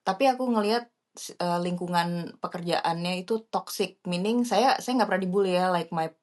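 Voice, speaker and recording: A young woman on a podcast tells a personal story, and her voice sits a little low. She slips back and forth between two languages, and she gets lively when she acts out what people said to her. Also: moderate pace. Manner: mixes Indonesian and English, animated when quoting herself. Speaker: podcast co-host.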